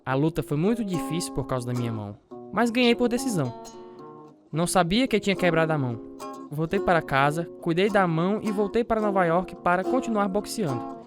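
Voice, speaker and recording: A man with a Brazilian accent acts in a reflective radio drama, his high-pitched voice brisk and expressive. He portrays an earnest, religious boxer and young father telling his own story, with guitar music under his first-person narration.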